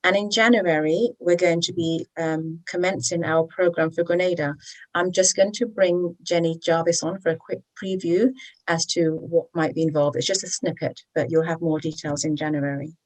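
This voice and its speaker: A woman hosts a citizenship webinar in a chatty, encouraging way, often checking in with her listeners. Her voice is slightly low, and she pitches her service with warmth and conviction. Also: steady tone, normal speed, rough recording. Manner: chatty and encouraging, with tag questions. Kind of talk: persuasive presentation.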